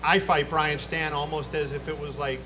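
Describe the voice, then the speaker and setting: A man with a slightly high voice puts a question as a reporter at a press conference. The room around him is clearly noisy. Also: level tone, moderate pace.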